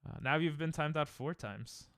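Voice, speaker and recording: In a clean, dry studio recording, this game streamer's voice sits on the high side, fairly bright, clear, and resonant, at a moderate pace. He spends the stream in sarcastic, joking chatter with his audience.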